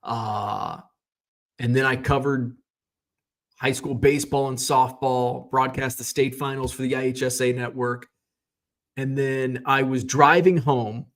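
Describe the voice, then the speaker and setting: A man's voice: medium pitch, fairly even intonation, unhurried. A man in his thirties, a sports card seller, telling a casual personal story in a rambling, self-correcting way with the odd chuckle. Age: 30s.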